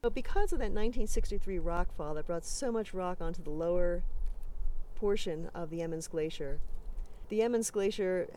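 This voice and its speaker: Female expert, unscripted explainer, lowish relaxed voice, slightly distant microphone. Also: moderate pace, a little hiss or hum.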